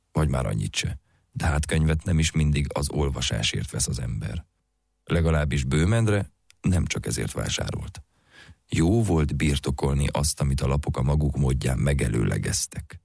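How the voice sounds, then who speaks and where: A man reading literary fiction aloud in a measured, unhurried narration. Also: very deep voice, creaky, a little mellow, dry recording, studio quality. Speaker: audiobook reader.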